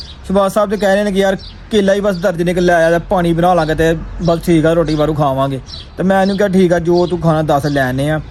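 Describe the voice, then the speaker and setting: A man's voice: on the high side, a little mellow. A man with a Pakistani Punjabi accent chatting casually to viewers as a vlogger, often listing things one by one and peppering his talk with filler forms of address. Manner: repeats filler address words and lists items one by one. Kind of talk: casual vlog chat to viewers. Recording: clear ambient and car noise.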